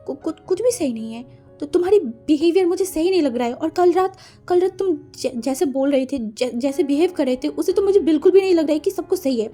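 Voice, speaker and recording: A frightened young husband who stammers and pleads in a high, loud voice, as a woman storyteller puts him on. The tone stays mellow, with soft music underneath. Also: steady tone, moderate pace, lightly acted. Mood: anxious. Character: anxious young man, worried husband.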